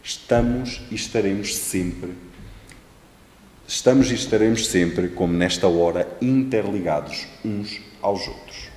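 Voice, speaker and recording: A man's voice: lowish voice, darkish tone, a little hiss or hum. Man lecturing solemnly in an echoey hall. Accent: European Portuguese. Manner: measured, solemn delivery with frequent restarts. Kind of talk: spiritist lecture. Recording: echoey hall with long reverb.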